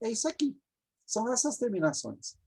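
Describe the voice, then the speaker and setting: A Brazilian woman, her accent Brazilian Portuguese, leads a Hebrew grammar class by video call in a voice on the high side that is very animated, a little fast, a little mellow and husky. She is patient in her explanations and repeats forms for the students during this online lecture.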